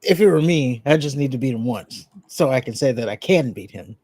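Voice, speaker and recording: Male co-host, mid-pitched, dry close sound, argues his point in a relaxed way. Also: a little fast, slightly rough, dry recording. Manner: argumentative, explains with sports comparisons. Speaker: podcast co-host. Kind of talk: casual chat.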